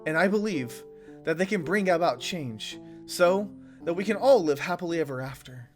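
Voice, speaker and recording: A man's voice: fairly high pitch, lively intonation, moderate pace, soft background music, natural voice. A man reading an earnest storybook guide. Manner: sincere, reflective. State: hoarse. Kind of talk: reading game dialogue aloud.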